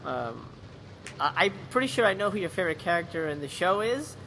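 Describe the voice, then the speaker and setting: A man's voice: high voice, gravelly, slight background noise, low-quality recording. A man hosting an interview podcast, chatting enthusiastically and often restarting his sentences. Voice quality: animated storyteller. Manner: halting and enthusiastic, many restarts. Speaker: podcast host. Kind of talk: casual interview chat.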